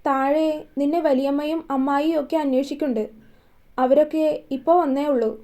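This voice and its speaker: A woman voicing a brisk, nagging mother. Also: sits high, steady tone, mellow, lightly acted. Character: stern busy middle-aged mother.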